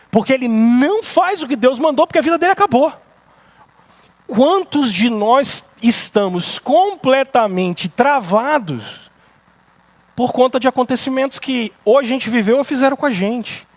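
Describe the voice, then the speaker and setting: A Brazilian-accented male pastor preaches with a very high voice for a man. He drives his points home with emphasis and one rhetorical question after another. It sounds like a sermon given in a church sanctuary. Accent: Brazilian Portuguese.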